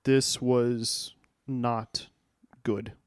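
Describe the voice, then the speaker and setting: A man's voice: mid-range voice, little pitch movement, drawn-out words, darkish tone, clean tone. Guy cohosting a podcast, chill and chatty, kinda amused, medium voice. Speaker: podcast co-host. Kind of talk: casual chat.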